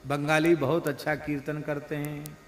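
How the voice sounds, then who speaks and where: A man giving a devotional sermon, slowly singing verses and explaining them with playful examples. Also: on the high side, little pitch movement. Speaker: spiritual preacher. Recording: roomy echoing hall.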